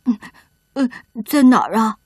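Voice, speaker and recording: A woman's voice: a little high, expressive, a little slow, darkish tone, slightly rough, no echo, studio quality. A woman voicing Berio, a timid young male sheep who whines and frets in a children's audio story. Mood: scared, whiny. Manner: whiny, fretful.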